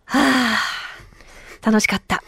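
A woman in her thirties hosting a casual solo podcast, chatty and animated, her voice a little tired from talking a lot. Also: slow, dry recording. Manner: chatty and animated, with frequent laughs. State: tired voice from talking too much. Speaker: radio and podcast host.

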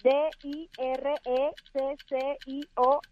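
A nervous woman from Mexico City calling in to a radio game, talking slowly and hesitantly. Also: high-pitched, level tone, lo-fi sound. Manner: hesitant, slow, spells words carefully. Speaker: caller.

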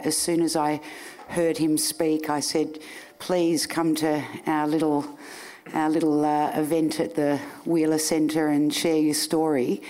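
A woman's voice: low voice, darkish tone. A woman hosting a live on-stage interview, with a dry teasing humour. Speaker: podcast host.

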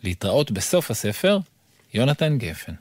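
Expressive man reading a children's story. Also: medium pitch, background noise. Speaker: narrator. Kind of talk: reading a children's book aloud.

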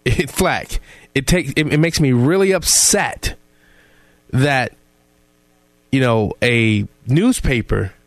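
A man's voice: mid-range voice, no echo. A man hosting a political talk radio show in a casual, fired-up way, often repeating words as he builds a point.

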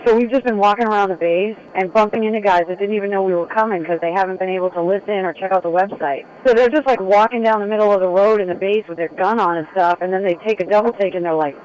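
A tired woman chatting excitedly over a crackly long-distance phone line, swearing casually as a radio show regular calling in. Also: medium pitch, quick pace, few pauses. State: tired from no sleep.

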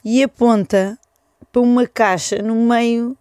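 A woman's voice: on the high side, a little slow, no echo, studio quality. A woman in her thirties with a European Portuguese accent, a guest telling a story in casual chat and acting out the quotes. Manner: animated storytelling, acts out quotes.

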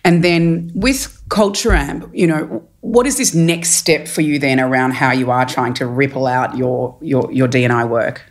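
Very deep-voiced woman interviewer. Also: moderate pace, hardly any pauses. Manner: hesitant questioning with many restarts. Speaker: co-host. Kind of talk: conversational interview.

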